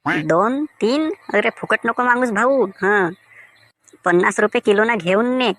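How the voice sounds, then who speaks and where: A man's voice: high voice, animated, measured pace, a bit bright, full character voice. A man voicing a defensive, grumbling village mango seller with a Vidarbha Marathi accent. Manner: sing-song, defensive, grumbling. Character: cheerful singing village mango seller Diwakar.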